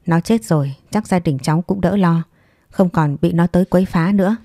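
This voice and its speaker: A woman's voice: lowish voice, brisk, dark tone, no room sound, clean studio sound. A woman voicing a kindly, plain-spoken middle-aged aunt who talks in a homely, sympathetic way.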